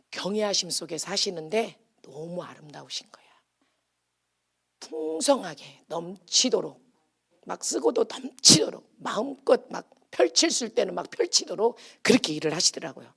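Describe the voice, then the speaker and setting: A woman's voice: moderate pace, vocal fry, breathy edge. Emphatic woman pastor preaching. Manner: emphatic, animated, swings between loud calls and low asides. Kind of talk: sermon with sung hymn lines. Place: prayer retreat chapel.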